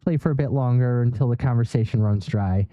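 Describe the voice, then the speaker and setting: A man's voice: medium pitch, fairly quick, dry recording, dull audio. A man narrating a solo role-play journal in first person, reading aloud with small stumbles and self-corrections.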